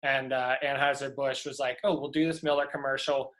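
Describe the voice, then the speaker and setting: Speaking a little fast in a medium-pitched voice, a middle-aged Louisiana prop master rambles through stories during an easygoing video-call interview, often restarting and using fillers.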